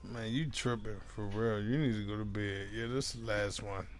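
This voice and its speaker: A man's voice: lowish voice, fairly even intonation, moderate pace. A young man streaming a football video game, teasing and mocking his opponent in slangy casual trash talk.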